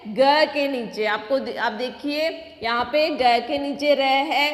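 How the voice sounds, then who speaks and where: A woman teaching a Hindi lesson to young children, speaking slowly and patiently and repeating each word so they can say it with her. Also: sits high. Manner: slow, patient, repeats words for children to say along. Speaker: primary school teacher. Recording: echoey room with long reverb.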